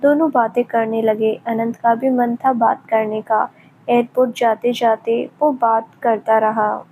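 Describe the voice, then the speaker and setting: A woman narrating a romantic audio story in a slow, gentle reading style. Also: a little high, level tone, a little hiss or hum, poor audio.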